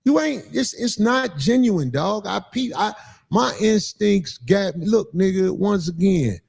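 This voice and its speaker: A man hosting a livestream, telling stories in casual chat with animated, profane delivery. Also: sits high, a little slow, creaky, husky. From Chicago, Illinois. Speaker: livestream host.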